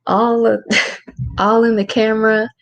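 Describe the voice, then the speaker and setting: Woman, spiritual teacher running a casual at-home Q&A, informal and rhetorical, voice held low. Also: level tone, unhurried, creaky, muffled recording. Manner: informal, rhetorical, keeps asking "right?"; keeps her voice lowered. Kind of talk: casual livestream talk with Q&A. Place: room at home.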